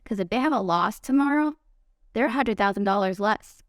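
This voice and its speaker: A woman's voice: medium pitch, lively intonation, a little fast, no echo, clean studio sound. A woman guest, an insurance agent, explaining her work in a direct, persuasive way on a casual talk show. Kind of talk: casual chat.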